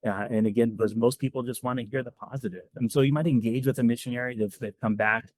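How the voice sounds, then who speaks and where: Sitting close to the mic in a dry, roomless recording, a guest who debriefs fieldworkers talks fast in a steady, medium-pitched, slightly dark voice. He earnestly unpacks ideas through stories during a conversational podcast interview.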